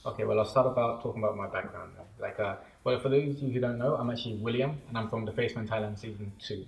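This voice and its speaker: A young Englishman guests on a talk show, chatting in a relaxed, rambling way full of fillers. His voice is lowish, fast and gravelly. He was recorded from a distance in an echoey room, away from the mic.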